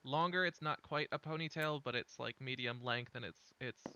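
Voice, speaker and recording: A man narrating as dungeon master, in a relaxed way with frequent fillers. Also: medium pitch, normal speed, highs cut off, a little hiss or hum. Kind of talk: narrating a tabletop game.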